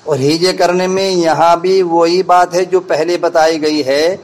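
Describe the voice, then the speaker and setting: A male Quran reading teacher explaining pronunciation to teachers and pupils, and breaking into slow, deliberate letter-by-letter spelling drills. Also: a little high, a little mellow, low-quality recording.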